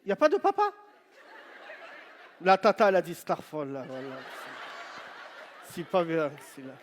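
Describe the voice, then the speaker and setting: A man doing stand-up crowd work on stage, teasing the audience with loud, street-flavoured banter. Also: high-pitched, wildly swooping pitch, fairly quick, slight background noise. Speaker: stand-up comedian. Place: large venue on stage. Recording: live show with long hall reverb.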